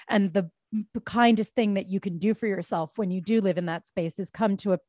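A woman in her forties, a podcast guest telling personal stories in an animated way, swearing freely and laughing often. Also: medium pitch, fairly quick, no room sound, clean studio sound. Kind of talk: candid conversational interview.

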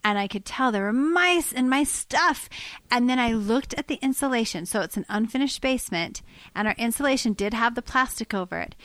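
A woman in her forties, co-hosting a casual home podcast and telling a story with lively, acted-out quotes. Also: mid-range voice, no room sound. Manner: animated storyteller, acts out quoted voices. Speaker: podcast co-host. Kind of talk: casual chat.

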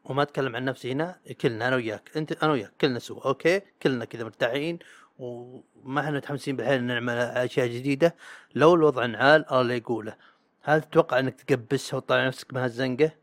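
A man hosts a solo podcast episode, half reading and half riffing. He talks quickly and casually, stumbling over words and chuckling at his own slips. The room sound is dry and close. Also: mid-range voice, no room sound. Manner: casual and chatty, trips over words and laughs at himself. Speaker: podcast host. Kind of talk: solo podcast monologue, partly read from a script.

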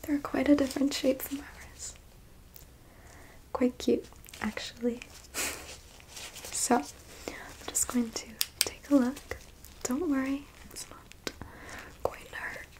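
Woman as a gentle alien scientist, whispered role-play. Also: high voice, flat delivery, poor audio. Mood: gently curious. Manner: whispering close into the listener's ear; gentle, reassuring, slow and soft-spoken. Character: gentle, curious female alien scientist examining a specimen.

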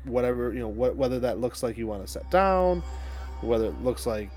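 A man's voice: mid-range voice, animated, fairly quick, darkish tone, soft background music. A man running a tabletop game, explaining the setting in a casual, rambling way with fillers. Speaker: game master.

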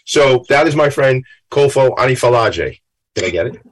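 A middle-aged man with a gravelly, slightly tired voice, hosting a show in an informal, chatty, folksy way. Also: mid-range voice, expressive, moderate pace, low-quality recording. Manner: folksy, chatty, self-branding patter. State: a little tired after a late night. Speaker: show host. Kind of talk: informal upbeat talk-show monologue.

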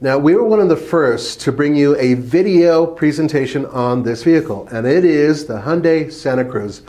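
A man co-hosting a podcast, chatting casually and telling stories in an animated way. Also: fairly high pitch, moderate pace. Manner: animated storyteller. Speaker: podcast co-host. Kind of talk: casual chat about trucks.

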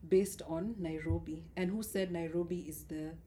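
A woman's voice: fairly low pitch, fairly even intonation, normal speed, dark tone. A woman with a Kenyan accent discussing ideas casually as a podcast panellist. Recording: clearly noisy background ambience.

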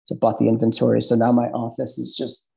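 Gravelly, husky Midwestern man chatting loosely. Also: mid-range voice, completely flat delivery, quick pace, darkish tone, rough recording. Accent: Midwestern American. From American Midwest. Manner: loose, rambling, lots of fillers and restarts. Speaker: podcast guest, bartender. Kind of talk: casual interview chat.

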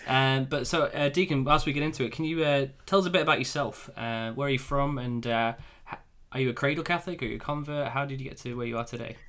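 A man hosting a live podcast interview, relaxed and hesitant with many fillers. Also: medium pitch, quick pace, few pauses. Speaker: podcast host. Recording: background music under voice.

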